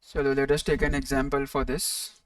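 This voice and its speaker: A teacher giving a step-by-step maths lecture in a deliberate way, pausing between short phrases. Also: medium pitch, monotone, dry recording. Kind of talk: lecture explaining coordinate geometry step by step. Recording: distant microphone.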